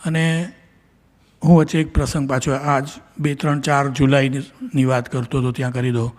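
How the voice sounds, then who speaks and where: A middle-aged man from India, a devotee, recounts his memories to a devotional gathering as a personal spiritual testimony. He speaks at a moderate pace in a level, darkish, medium-pitched voice, acting out quoted dialogue and frequently restarting.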